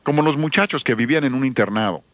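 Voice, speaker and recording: A man's voice: medium pitch, quick pace, dry recording. A man giving an emphatic sermon-style seminar talk on church music, addressing listeners with rhetorical questions.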